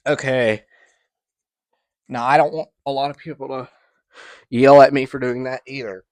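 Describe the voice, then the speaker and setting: A man's voice: medium pitch, fairly even intonation, moderate pace, darkish tone, no echo. A man hosting his own channel, casually demonstrating an old fan with rambling asides and restarts. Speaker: vintage fan collector channel host. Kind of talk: casual demo video narration.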